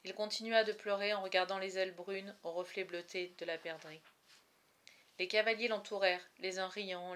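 A woman reading a novel aloud chapter by chapter, with expressive, dramatic storytelling. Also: fairly low pitch. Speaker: reader.

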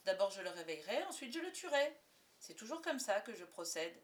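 A woman's voice: medium pitch, big pitch swings, brisk, natural voice. A woman voicing a brash, cocky boy leader. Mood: boastful. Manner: boastful, brash.

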